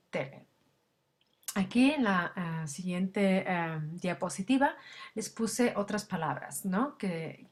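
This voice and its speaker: Female language instructor, recorded slide lecture, mid-pitched, explanatory, lots of fillers and tag questions.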